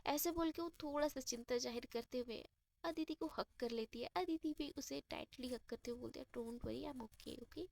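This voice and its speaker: A woman's voice: sits high, brisk, gravelly, darkish tone, dry recording. A young woman narrating a romance story casually, chatty and addressing her listeners, mixing Hindi with English.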